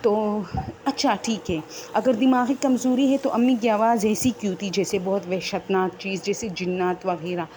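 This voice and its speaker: A woman's voice: medium pitch, fairly even intonation, darkish tone, slight background noise. A woman telling her own horror story in a rambling, unscripted, conversational way.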